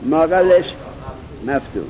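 A male teacher gives a seminary-style grammar lesson, quizzing his students and drawing out example words slowly. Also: fairly high pitch, animated. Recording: dull lo-fi recording with faint noise.

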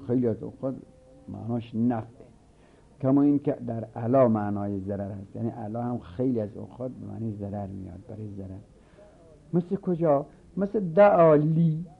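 A man teaching a seminary grammar lesson. He reads a line of the text aloud, then explains it step by step and repeats his examples slowly. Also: mid-range voice, creaky, slightly rough. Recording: narrow phone-like sound.

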